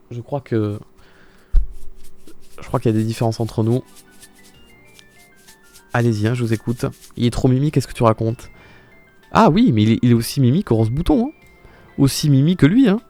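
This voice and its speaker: A young male streamer with a mellow, dark-toned voice, chatting casually and exclaiming as he answers his viewers. Faint music plays behind him. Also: medium pitch, no echo. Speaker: live streamer. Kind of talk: casual live-stream commentary.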